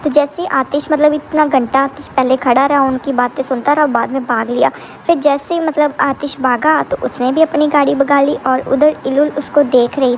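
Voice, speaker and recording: A woman's voice: sits high, slight background noise, low-quality recording. A woman casually recapping a drama episode in a chatty, opinionated way, talking straight to her viewers.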